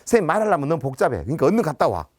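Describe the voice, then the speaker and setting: A man's voice: on the high side, huge pitch swings, racing, no room sound, studio quality. A man voicing blunt, teasing teenage delinquent schoolboys in a spoken anecdote. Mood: cheeky.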